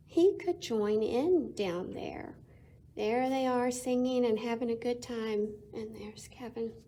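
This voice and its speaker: Reading a picture book to children at storytime, this fairly high-pitched woman narrates expressively and leans on dramatic pauses.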